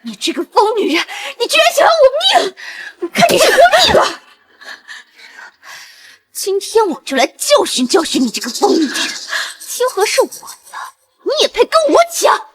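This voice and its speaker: An actress playing an arrogant, spiteful young mistress who taunts and shouts. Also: female voice, big pitch swings, normal speed. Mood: cruel, shouting. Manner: sneering, taunting, shrill. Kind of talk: short drama acting.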